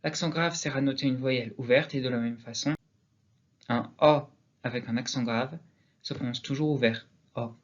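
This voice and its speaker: A man giving a scripted pronunciation lesson, explaining rules clearly and slowly sounding out example words one by one. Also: mid-range voice. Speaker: language teacher. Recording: dull lo-fi recording.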